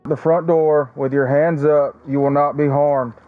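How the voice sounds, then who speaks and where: A male police officer calls out firm, slow orders through a police car loudspeaker. His voice sits a little high and comes through muffled, with faint music underneath. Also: fairly even intonation, no room sound. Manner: firm, slow commands to come out.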